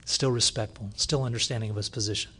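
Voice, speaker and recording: Pastor guy preaching, animated storyteller, gets loud reading the verses. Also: fairly low pitch, quick pace, slightly rough. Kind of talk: sermon.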